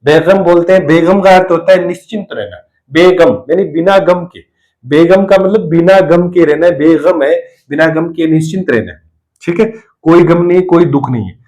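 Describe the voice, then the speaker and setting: A man's voice: fairly high pitch, normal speed, darkish tone, low-quality recording. A middle-aged man teaching a Hindi grammar class, explaining and repeating key words as he goes. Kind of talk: classroom lecture on word pairs.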